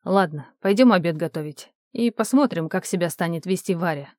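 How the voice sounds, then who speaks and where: A woman's voice: lowish voice, a little fast, a little mellow, no room sound, clean studio sound, close to an everyday voice. A woman voicing a curt, cold young man who speaks tersely in an audiobook. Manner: terse, muttered.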